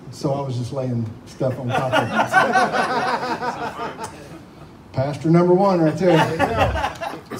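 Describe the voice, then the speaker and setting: Pastor in an echoey hall. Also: male voice, a little high, far from the mic, a little hiss or hum. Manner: animated storytelling with laughter. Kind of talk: sermon testimony. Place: church sanctuary.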